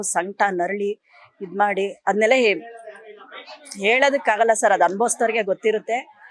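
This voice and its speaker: A middle-aged woman, an actress, speaking emotionally in an interview, sometimes tearful, with pauses and restarts. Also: a little high.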